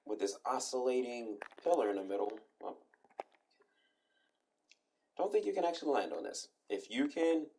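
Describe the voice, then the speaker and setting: A man's voice: mid-range voice, lively intonation, normal speed, pauses often, darkish tone, slight background noise. A man hosting a casual walkthrough of a game map, chatty and meandering, often restarting his sentences. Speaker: host giving a game map tour.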